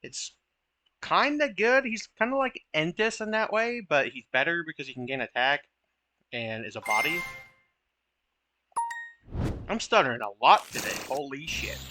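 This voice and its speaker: A man's voice: a little high, expressive, moderate pace, pauses often, background noise. A young man giving casual, chatty commentary over his own card game matches, joking at his own misplays. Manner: chatty, self-deprecating, occasional swearing.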